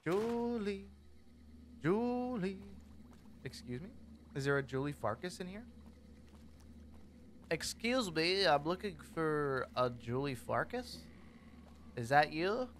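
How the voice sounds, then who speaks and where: A man chatting loosely over his gameplay, cracking jokes and talking back to the characters. His voice sits slightly high and swings widely in pitch. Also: very animated, slow, long pauses, fairly bright tone, a little hiss or hum. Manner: goofy, rambling, jokey, talks to characters. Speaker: gaming streamer. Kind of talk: casual gameplay commentary.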